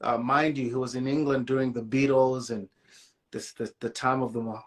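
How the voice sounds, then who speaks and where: A man from Malawi in his forties, a guest musician telling his story in a casual interview, relaxed and dropping "man" often. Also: medium pitch, moderate pace.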